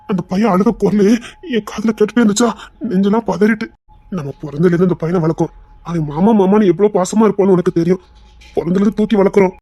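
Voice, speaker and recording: A contrite young husband, voiced by a woman, pleads in a Tirunelveli Tamil accent, piling up quick apologies and soft coaxing. The delivery is fast and close, with almost no room sound. This is web-series drama acting. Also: medium pitch, no echo, lightly acted. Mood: pleading. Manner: pleading, repeats apologies rapidly. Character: young husband, remorseful and tender.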